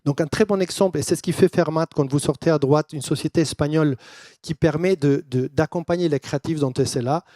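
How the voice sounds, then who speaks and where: A man with a foreign accent in his French, a non-native speaker presenting to a business audience. His voice is slightly high and mellow, with a dry, close sound. He mixes English jargon into his loosely built sentences. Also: fast, dry recording. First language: not French. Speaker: conference speaker.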